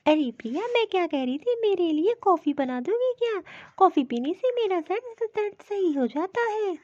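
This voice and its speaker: A woman's voice: very high-pitched, big pitch swings, normal speed, a little mellow. A woman voicing a lazy, scheming young daughter-in-law in a cartoon, sly and sugary-sweet in how she talks. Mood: sweet-talking. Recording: dull lo-fi recording.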